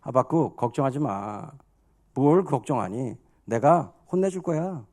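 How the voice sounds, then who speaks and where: A man voicing God as a calm, authoritative figure who firmly questions a prophet. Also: fairly high pitch, normal speed, close to an everyday voice. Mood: reassuring. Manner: soothing, firm, fatherly questioning.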